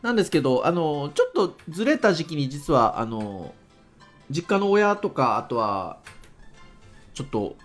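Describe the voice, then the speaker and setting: A man in his fifties hosts a chatty podcast with extremely courteous, honorific phrasing. His voice sits a bit high and moves around animatedly. Music plays faintly behind him. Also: sing-song, a little slow. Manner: ultra-polite, very formal honorific Japanese. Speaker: podcast co-host. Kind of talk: podcast casual chat in polite speech.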